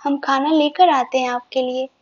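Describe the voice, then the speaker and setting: A woman voicing a shy, sweet young bride who speaks softly and hesitantly, in a dull lo-fi recording. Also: high-pitched, steady tone, normal speed, lightly acted. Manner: soft, hesitant, quiet.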